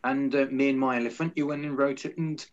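A man hosting a podcast, enthusiastic but halting, with many restarts. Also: medium pitch, fairly even intonation. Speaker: podcast host. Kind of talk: casual podcast interview. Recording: dull lo-fi sound.

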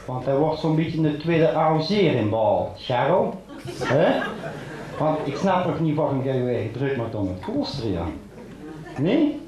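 A man's voice: medium pitch, very animated, a little slow. A man performing a carnival stand-up monologue, chatty and punchline-driven, telling local jokes. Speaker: carnival comedian. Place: large hall before a live audience. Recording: echoey hall with loud crowd laughter.

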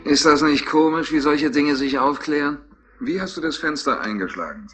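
A man's voice: fairly high pitch, animated, normal speed, bright, forceful tone, breathy edge, faint music behind, full character voice. A man playing a dogged, polite police lieutenant in a 1960s radio crime drama, questioning with mild apology. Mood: probing. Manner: probing, mildly apologetic questioning. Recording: old radio play with faint hiss.

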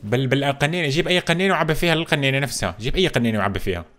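A man hosting a gameplay video, commenting in an animated, jokey way and exclaiming often. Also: medium pitch, rapid-fire. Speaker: gaming video host.

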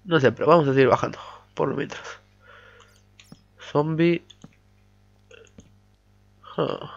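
A man's voice: on the high side, steady tone, slow, vocal fry. A man giving chatty let's play commentary while mining, humming "pa pa pa" to himself. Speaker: gamer. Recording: dull lo-fi mic audio.

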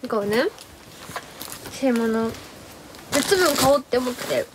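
At a measured pace, a young livestream host with a slightly high voice chats casually about her day, rambling as she welcomes viewers individually. She refers to herself in the third person, and background noise can be heard.

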